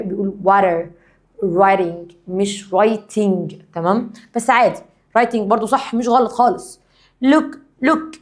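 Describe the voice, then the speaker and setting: An Egyptian woman teaching a classroom grammar lesson in a voice of middling pitch for a woman. She explains at a brisk clip, then slows right down to read each English example word by word. Her Egyptian Arabic accent runs through the whole lesson.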